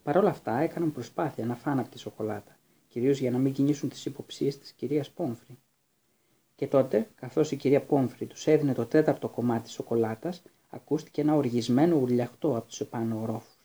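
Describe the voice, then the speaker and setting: A man reading a storybook aloud as narrator, in a steady, measured way. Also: medium pitch, breathy edge. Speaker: audiobook reader.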